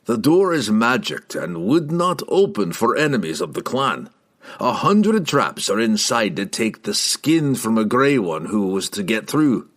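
A man voicing a gruff, stern dwarf in an audiobook, grumbling and sarcastic, with old-fashioned dialect speech. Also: lowish voice, very animated, unhurried, a bit bright, heavily acted. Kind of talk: audiobook character voice.

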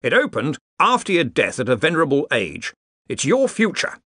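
A man voicing a gruff, bossy male head wizard who talks briskly and gives orders. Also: on the high side, huge pitch swings, sharp tone, dry recording, studio quality, voice pushed up, full character voice. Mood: commanding. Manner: brisk and commanding.

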